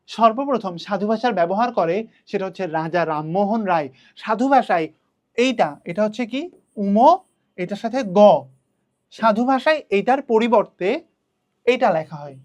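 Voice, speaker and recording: Woman teacher, self-questioning lecture. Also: mid-range voice. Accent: Bangladeshi Bengali. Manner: asks questions then answers them herself. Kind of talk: online class lecture.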